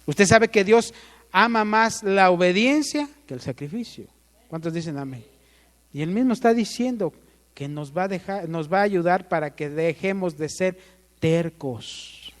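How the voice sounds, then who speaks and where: A man's voice: high-pitched, lively intonation, a little slow, in a large hall. A man with a Mexican accent preaching a sermon, asking the congregation questions and calling for amens.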